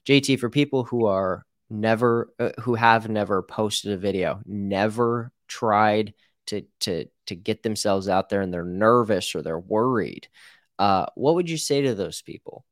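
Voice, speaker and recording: Low-voiced American man hosting, dry sound. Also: measured pace, no room sound. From United States. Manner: informal, rambling, acts out example quotes. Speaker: show host. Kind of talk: casual interview chat.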